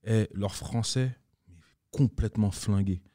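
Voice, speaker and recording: A man in casual chat, who teases and breaks into drawn-out exclamations. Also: fairly low pitch, steady tone, dark tone, dry recording, clean studio sound. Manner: laughing, teasing, drawn-out exclamations.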